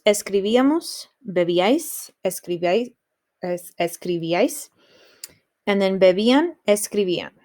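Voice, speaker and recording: A woman's voice: mid-range voice, a little mellow. A woman teaching a recorded lesson on Spanish grammar, explaining rules steadily and reading example sentences aloud.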